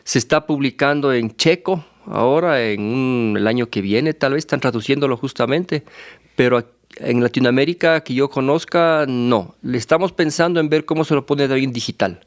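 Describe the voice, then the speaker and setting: A man's voice: medium pitch, normal speed, no room sound. Guest author, man, dry close sound, easygoing and talkative. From Ecuador. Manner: relaxed and rambling, with restarts and asides. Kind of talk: conversational interview answers.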